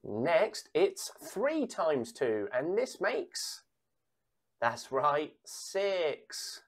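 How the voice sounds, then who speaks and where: A woman calling numbers like a bingo caller for children, reading out sums, pausing before each answer and repeating digits. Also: deep voice, big pitch swings. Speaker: bingo caller for a children's times tables game.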